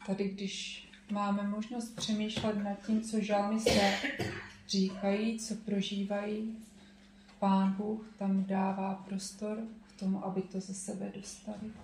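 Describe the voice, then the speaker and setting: Woman preacher, soft reflective sermon, echoey room. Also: mid-range voice, completely flat delivery, background noise.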